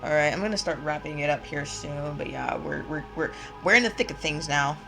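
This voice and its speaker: A woman's voice: low-pitched, brisk, creaky, music in the background. A young woman playing a horror game on stream, commenting as she goes and reacting with shrieks and swearing. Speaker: gaming streamer. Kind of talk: let's-play commentary.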